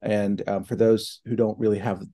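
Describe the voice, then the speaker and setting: A middle-aged man speaks over a laptop video call from a home office, his voice low and mellow. He talks in a relaxed, thoughtful way, pausing with fillers and circling back to restart his phrases. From New Hampshire and Ohio, United States. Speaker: guest, foundation president. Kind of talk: casual online interview.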